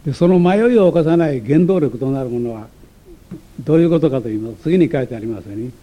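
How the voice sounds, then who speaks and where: A man's voice: mid-range voice, expressive, fast, warm tone. A man giving a lecture, reading passages from a text aloud and explaining them, with many hesitations, self-corrections and side remarks.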